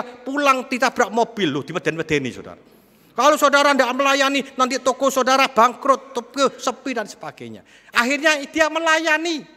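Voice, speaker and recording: A man preaching a sermon in a church, animated, firing rhetorical questions at the congregation. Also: very high voice. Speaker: pastor. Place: church sanctuary. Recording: reverberant church hall.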